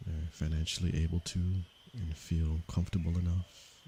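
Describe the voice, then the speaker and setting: A man from Canada, a meditation teacher, speaking softly and unhurriedly to viewers of his livestream. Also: low voice, flat delivery, slight background noise. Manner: slow, soft-spoken and unhurried, with pauses. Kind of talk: calm livestream talk to viewers.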